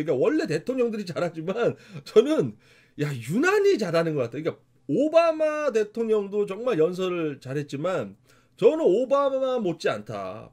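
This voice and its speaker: Animated Korean man giving a motivational talk. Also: high-pitched. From South Korea. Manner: animated, emphatic storytelling with laughs. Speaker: motivational speaker. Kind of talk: motivational lecture.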